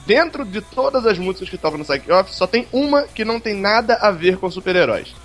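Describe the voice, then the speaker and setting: A man's voice: sits high, animated, fairly quick, a bit bright, faint music behind. A man co-hosting a podcast in casual, teasing banter, repeating phrases for emphasis. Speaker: podcast co-host.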